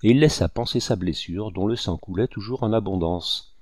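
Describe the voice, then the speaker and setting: A man narrating an audiobook in a dramatic, measured storytelling manner. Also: lowish voice, a little mellow, no echo, studio quality. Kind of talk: scripted narration.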